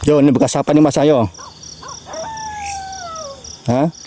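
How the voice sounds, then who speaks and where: Javanese guy livestreaming outside at night, mellow voice, crickets faint behind. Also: fairly high pitch, steady tone, measured pace, slight background noise. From Java. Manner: chatty, talks to viewers and chat, invokes spirits. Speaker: mystery vlogger. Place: outdoors at night by a riverside grave.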